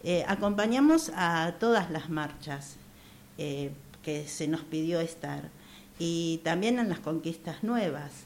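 A woman's voice: low voice, lively intonation, slow, darkish tone, a little hiss or hum. Earnest Argentine woman in her sixties. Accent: Argentine Spanish. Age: 60s. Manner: earnest, emphatic, repeats phrases, many hesitations. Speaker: guest, activist for older women. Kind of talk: radio interview.

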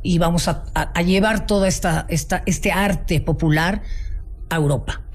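A woman's voice: fairly low pitch, normal speed, husky. Chatty woman from Mexico City. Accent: Mexican Spanish, Mexico City. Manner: warm, passionate storytelling with many restarts and fillers. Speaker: guest, founder of a folk art business. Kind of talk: casual interview conversation.

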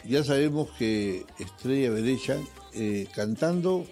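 A man's voice: mid-range voice, animated, unhurried, mellow, faint music behind. A man hosting an interview, asking casual questions and teasing his guest. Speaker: interviewer, host.

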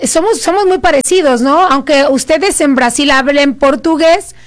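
A woman's voice: high voice, normal speed. A woman interviewing a guest artist, affirming and repeating her questions. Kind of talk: event interview.

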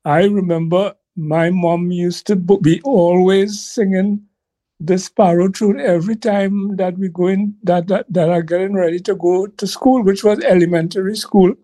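A man with a Trinidadian accent shares his memories as a guest on a talk program. His tone is mellow and warm. He speaks slowly and earnestly, pausing between phrases. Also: sits high, fairly even intonation. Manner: slow, earnest storytelling. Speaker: guest musician. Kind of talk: reminiscing interview answer.

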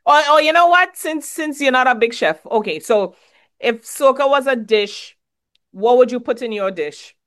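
A woman's voice: sits high, lively intonation, moderate pace, fairly bright tone. A woman from Trinidad hosting a casual interview, asking friendly conversational questions. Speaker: interviewer host.

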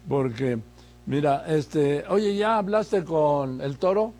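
Mellow-voiced male interviewer. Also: fairly high pitch, lively intonation, slow pace. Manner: pointed, probing questions. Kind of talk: political interview.

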